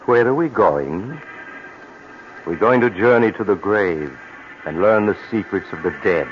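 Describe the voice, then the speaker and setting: A man playing a sinister, inviting storyteller in theatrical, deliberate 1940s radio suspense narration. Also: fairly low pitch, animated, soft background music. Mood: ominous, inviting. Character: sinister male storyteller, retired county coroner, inviting and ominous. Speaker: host narrator. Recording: muffled, noisy vintage radio recording.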